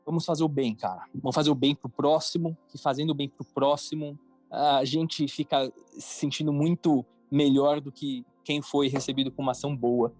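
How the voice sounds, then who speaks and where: With a fairly high but steady voice, a darkish tone, and normal speed, a Brazilian Portuguese-accented man speaks as a podcast guest. He's a cartoon creator and entrepreneur, talking casually and emphatically in an interview, often repeating phrases to press his points. There's no echo, though faint music plays behind him.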